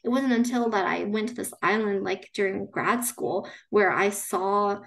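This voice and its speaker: A woman's voice: medium pitch, moderate pace, gravelly, fairly bright tone. A young woman from China answering questions after her talk, speaking casually with many restarts and frequent tag questions. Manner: talks in restarts with frequent "you know" and "right?". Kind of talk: casual conversation.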